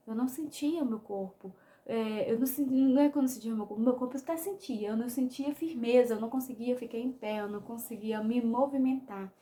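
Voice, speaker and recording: A woman's voice: fairly high pitch, warm tone. A young woman with a Brazilian Portuguese accent telling a personal testimony to her viewers in an emotional, storytelling way. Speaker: vlogger.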